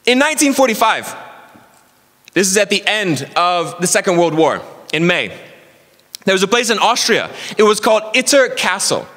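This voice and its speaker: A man's voice: high voice, very animated, moderate pace, pushed and bright, in a large hall. A man preaching a sermon with energy, telling a story and often stumbling over repeated words. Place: church hall.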